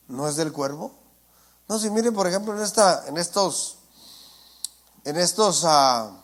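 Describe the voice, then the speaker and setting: A male preacher, giving a sermon and often asking his congregation "¿entiende?". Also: high voice. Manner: asks the congregation for assent, calls them brothers. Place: church.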